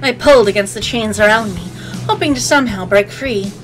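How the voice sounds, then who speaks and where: A woman's voice: mid-range voice, fairly quick, a bit bright, poor audio. Playful woman narrating a game over music. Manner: playful, sassy asides. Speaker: let's play host. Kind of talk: reading game narration aloud with joking commentary. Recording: faint game music behind.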